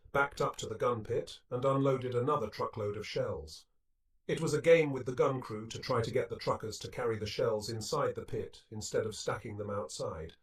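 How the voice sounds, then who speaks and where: A man reading a wartime memoir aloud as an audiobook narrator, in a steady, measured way. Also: mid-range voice, husky. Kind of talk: scripted narration.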